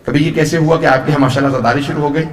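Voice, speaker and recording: A man preaching a storytelling sermon at a mourning gathering, his throat hoarse, his delivery impassioned and swelling to near-shouts. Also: a little high, steady tone. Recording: echoey, distant mic in a hall.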